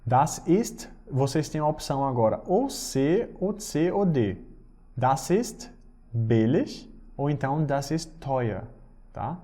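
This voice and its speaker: A man teaching German, explaining patiently and reading German phrases slowly. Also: a little high, lively intonation, warm tone. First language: Portuguese. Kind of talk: recorded language lesson.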